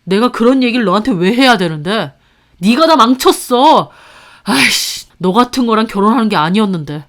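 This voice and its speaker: A woman voicing a deceitful, obsessive middle-aged husband who snaps and shouts defensively. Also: medium pitch, normal speed, lightly acted. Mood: angry.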